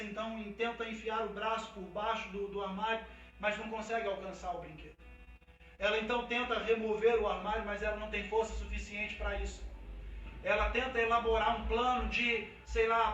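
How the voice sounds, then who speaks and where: A man's voice: high voice, lo-fi sound, slight background noise. Man, Brazilian Portuguese accent, pastor, emphatic sermon, echoey church hall, distant mic. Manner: emphatic preaching that builds to a fervent, loud climax. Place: church hall, livestreamed service.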